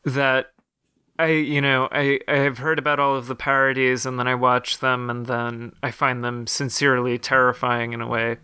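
Podcast co-host, male, bright and forceful tone, dry close sound, rambling casual delivery. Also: medium pitch, level tone, normal speed, smooth, dry recording. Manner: chatty, frequent fillers and restarts. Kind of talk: casual film discussion.

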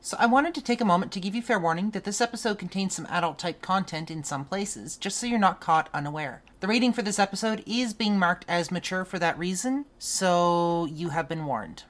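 A woman's voice: on the low side, a little fast, hardly any pauses. A woman hosting a podcast, introducing the episode in a friendly, chatty way and asking her guest questions. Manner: friendly, chatty, reads plugs and warnings. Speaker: podcast host. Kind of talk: casual podcast intro and interview.

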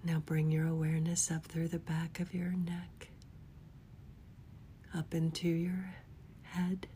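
Woman's soft, very slow spa whisper. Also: sits low, monotone, slight background noise. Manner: unhurried, gentle instructing. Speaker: guided relaxation leader. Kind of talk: whispered guided body-scan meditation.

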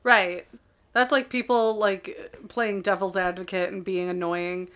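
A woman's voice: medium pitch, fairly even intonation, a little slow, fairly bright tone. A woman co-hosting a podcast in casual chat, laughing often and yawning from recording late at night. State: tired, yawning. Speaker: podcast co-host.

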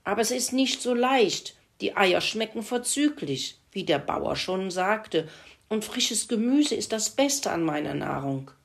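A woman's voice: mid-range voice, animated, unhurried, pitched above the performer's own voice, natural voice. A woman voicing a grumbling, good-natured male farm pig in a children's story, with a whiny, complaining manner.

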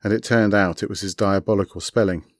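A man's voice: lowish voice, steady tone, a little fast, no echo, lightly acted. A man voicing a dry, cutting woman. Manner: dry, matter-of-fact.

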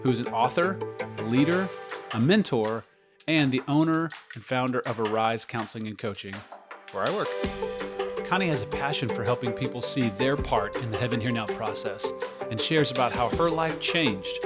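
A man's voice: mid-range voice, expressive, moderate pace. Upbeat male podcast host over music. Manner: upbeat, friendly with frequent fillers. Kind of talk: casual podcast chat. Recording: music bed behind the voice. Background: background music.

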